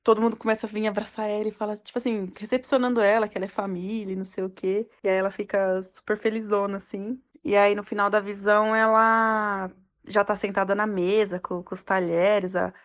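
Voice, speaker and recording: A woman gives a personal testimony of a religious vision, halting and filling her talk with fillers and restarts. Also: mid-range voice, flat delivery. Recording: dull lo-fi recording.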